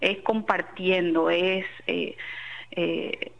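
Measured woman doctor on dull radio. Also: on the low side, steady tone, vocal fry. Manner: measured, explanatory, frequent tag questions. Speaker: doctor, interview guest. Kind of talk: explanatory interview answers.

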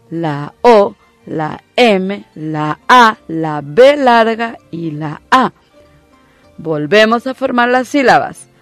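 Slow, patient radio teacher. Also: mid-range voice, dry recording. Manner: spells out letters and syllables slowly and repeats them. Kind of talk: slow, patient phonics lesson for children.

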